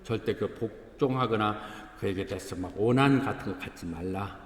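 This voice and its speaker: Korean pastor preaching in echoey hall. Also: male voice, on the low side, normal speed. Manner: conversational preaching, breaks into acted dialogue, chuckles at congregation. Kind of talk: sermon. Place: church sanctuary. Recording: echoey church hall, faint ambience.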